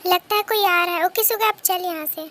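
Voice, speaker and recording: A woman's voice: extremely high pitch, brisk, fairly bright tone. Caring hurt young woman, voiced by a woman. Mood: reproachful. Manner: reproachful, then consoling.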